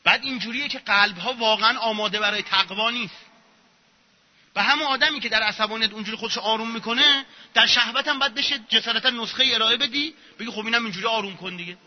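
A man giving an informal religious lecture, sarcastic and acting out mocking examples as he talks. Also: extremely high pitch. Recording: muffled echoey hall recording.

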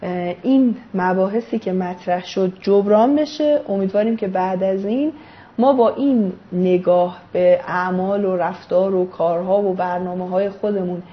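A woman's voice: mid-range voice, highs cut off. A woman leading an online religious study session, explaining things thoughtfully and correcting herself as she goes. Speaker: religious study group leader.

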